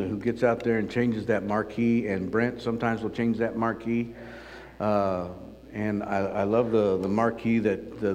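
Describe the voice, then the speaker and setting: A middle-aged male pastor giving a halting sermon, his voice carrying a cave-like echo. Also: fairly low pitch, darkish tone, a little hiss or hum. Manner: halting, repeats words. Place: church sanctuary. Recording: echoey hall, dull lo-fi sound.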